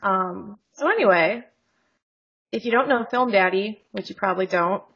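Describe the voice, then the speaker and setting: A woman's voice: mid-range voice, moderate pace, vocal fry, fairly bright tone, slightly rough, lo-fi sound. Joking woman podcast co-host. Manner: joking, rambling, laughs often. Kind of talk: casual chat. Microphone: video call.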